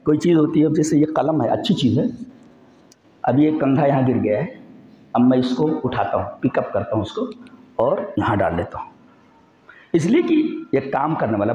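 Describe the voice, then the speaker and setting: A man preaches a Friday sermon with great animation, his fairly high voice leaping up and down as he drives points home. The recording is roomy and echoey, somewhat muffled, with faint noise behind. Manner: animated, emphatic, acts out voices in quotes. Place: mosque.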